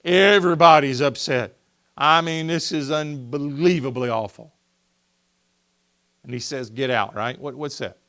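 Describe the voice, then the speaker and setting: A man's voice: mid-range voice, a little slow, long pauses. A male pastor preaching a sermon, asking the congregation questions and acting out the voices of people in the story. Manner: animated, asks the congregation questions and acts out voices. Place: church sanctuary.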